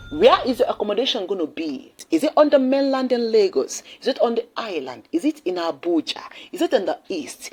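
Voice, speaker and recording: A Nigerian woman hosts a direct-to-camera explainer, her pitch swinging widely as she stresses each point. She repeats herself for emphasis and keeps checking in with the viewer. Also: breathy edge. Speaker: video host.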